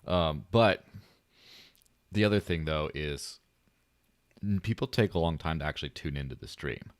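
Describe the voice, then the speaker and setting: A man hosts a podcast in a casual livestream chat, joking, rambling and poking fun at himself in a light, buttery voice. His voice is very deep and moves at a moderate pace, with clean studio sound and no echo.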